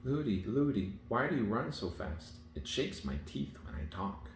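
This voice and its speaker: A man voicing a curious, chattering little princess girl in a storybook reading, pitching his voice up high. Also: big pitch swings, moderate pace. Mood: eager. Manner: high, bright questioning chatter. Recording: echoey room, faint hiss.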